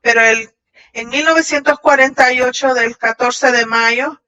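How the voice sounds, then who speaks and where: Bright-voiced woman giving a translated sermon. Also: sits high, steady tone. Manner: halting, with restarts and fillers. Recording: dull lo-fi audio.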